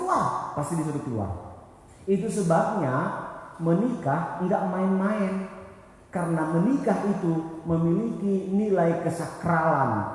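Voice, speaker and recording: A man preaching a sermon as pastor, lively, swinging between loud emphasis and quiet asides. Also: on the high side. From Indonesia. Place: large church hall. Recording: echoey church hall with long reverb.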